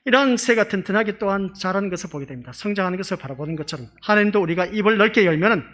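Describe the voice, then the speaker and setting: Male pastor, high-pitched voice, delivers a conversational sermon to his congregation. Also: expressive, racing, a bit bright. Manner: conversational preaching with rhetorical questions to the congregation. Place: church.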